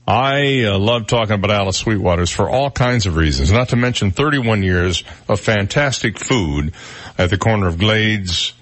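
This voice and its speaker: A man's voice: on the low side, animated, moderate pace, a bit bright. Rambling radio talk host, a man. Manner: rambling, self-deprecating storytelling. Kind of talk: casual chat on radio. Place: radio studio.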